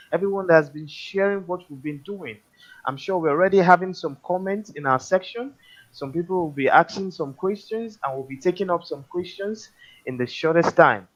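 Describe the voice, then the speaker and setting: A man hosting a live online forum over a video call, introducing speakers in an earnest, formal way. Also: on the high side. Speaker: forum host. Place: home, online live stream. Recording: dull lo-fi stream audio.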